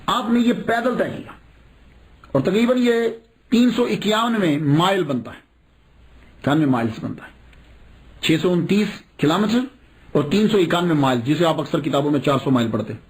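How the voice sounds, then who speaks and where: A male preacher telling a religious story in a sermon, animated and asking rhetorical questions as he goes. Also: fairly high pitch, long pauses.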